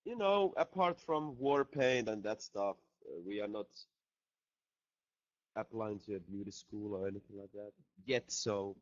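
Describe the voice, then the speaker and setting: A man from Finland who plays in a band answers fan questions in a jokey, casual video chat, reading each one aloud. He has a fairly low voice, talks a little slowly, and the recording is dry, dull lo-fi audio from a laptop video call mic.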